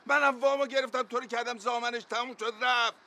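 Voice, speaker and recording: A man's voice: very high voice, level tone, sharp tone, exaggerated voice. An actor playing a harried male boss in a TV series who talks in a brusque, dismissive way. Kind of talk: TV series acting.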